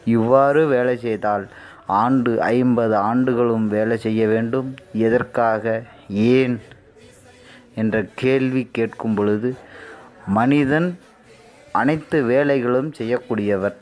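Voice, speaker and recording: Slow, declamatory male political orator. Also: medium pitch, fairly even intonation, darkish tone. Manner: declamatory, rhetorical, phrase by phrase. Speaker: political speaker. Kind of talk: formal political oratory, addressing the public.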